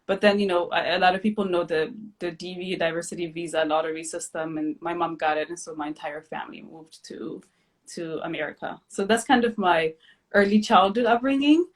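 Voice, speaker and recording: A woman from Ethiopia in her thirties, hosting a casual live chat, relaxed and chatty with many fillers. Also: fairly low pitch, fairly quick. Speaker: host, physician.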